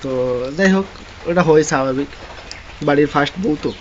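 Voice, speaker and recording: A man's voice: fairly high pitch, moderate pace. A man chatting casually in a home vlog, rambling with many restarts. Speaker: vlogger. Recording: dull lo-fi phone audio with faint noise.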